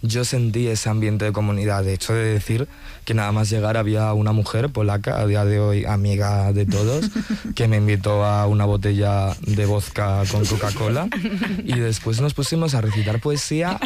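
A man's voice: on the low side, steady tone, moderate pace, warm tone. A man in a radio studio, a guest poet, telling his story fluently and with enthusiasm. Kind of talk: radio interview.

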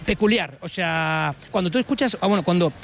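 A man's voice: sits high, a bit bright, a little hiss or hum. A man interviewing passers-by on a city street in a chatty, teasing way. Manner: chatty, teasing, quick asides. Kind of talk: playful street vox pop.

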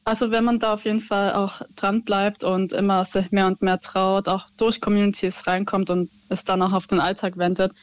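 A woman's voice: medium pitch, level tone, moderate pace, few pauses, dry recording, dull audio. A woman calling in to a radio show, speaking in an upbeat way. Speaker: caller. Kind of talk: radio call-in.

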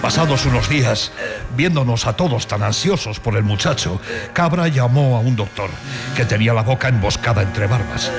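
A man's voice: mid-range voice, expressive, moderate pace, music in the background. A man narrating a literary audio drama from a script.

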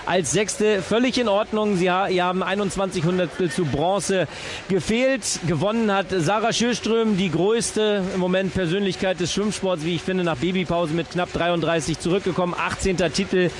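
A man with a high, light voice delivers radio sports commentary in an informal, opinionated way, stumbling and restarting now and then. Faint traffic noise sits behind him. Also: normal speed.

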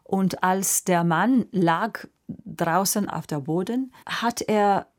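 A woman from Israel, an opera singer answering interview questions in a thoughtful, unhurried way with slightly phrasing. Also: mid-range voice.

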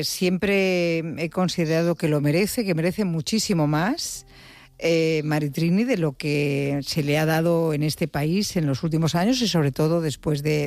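A woman hosting a radio interview, asking questions in a warm, encouraging way. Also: deep voice, no room sound. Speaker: radio host.

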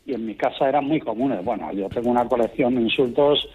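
A middle-aged man from Extremadura, raised in Madrid, calling in to a radio show, calm and unhurried as he tells his stories. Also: medium pitch, husky, soft background music. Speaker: caller. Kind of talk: phone-in chat. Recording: dull phone-line sound.

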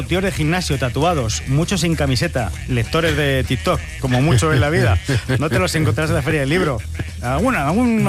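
A man from hosting a satirical news commentary, with ironic, sarcastic asides. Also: on the high side. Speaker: host.

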